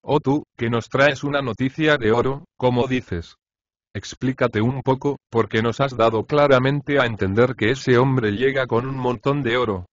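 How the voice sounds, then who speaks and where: A man voicing a gruff, complaining old male chorus leader in an audiobook of a comic play. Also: mid-range voice, fairly even intonation, normal speed, no echo, highs cut off, close to an everyday voice.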